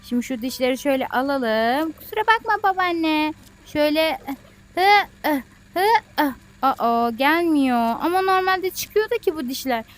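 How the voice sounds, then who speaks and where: A woman giving playful gameplay commentary as a YouTuber. She is excitable and breaks into squeals and shrieks of alarm. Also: high-pitched, moderate pace. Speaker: gaming YouTuber.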